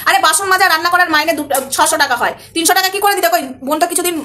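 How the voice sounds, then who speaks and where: Give me a young woman vlogger ranting at breakneck speed in a very high, bright voice. She scolds with rhetorical question after rhetorical question and keeps hammering the same points. It should sound like heated commentary made straight to camera. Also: very fast, slight background noise. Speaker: vlogger host.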